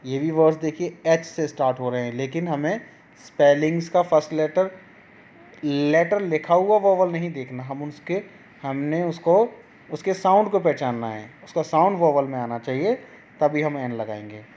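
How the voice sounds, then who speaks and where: A man with an Indian accent teaching a grammar lesson online, explaining slowly and mixing English examples into Hindi. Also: on the high side, a little mellow, lo-fi sound.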